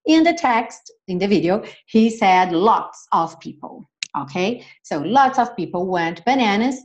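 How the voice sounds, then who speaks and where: Lively woman teaching English. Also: medium pitch, muffled recording. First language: Portuguese. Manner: slow careful model readings, quick asides in Portuguese. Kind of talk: bilingual English lesson.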